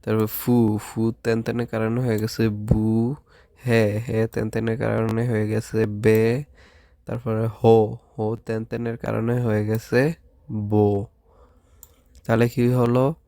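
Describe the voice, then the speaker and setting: A man teaching a language class, slowly drilling syllables one at a time and asking the students questions. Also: on the low side, monotone, gravelly, dark tone, no echo, clean studio sound. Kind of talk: Japanese lesson with drilled syllables.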